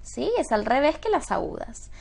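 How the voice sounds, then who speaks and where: A woman teacher giving a spoken grammar lesson, explaining step by step and checking understanding with quick questions. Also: on the high side, very animated, gravelly, slightly rough.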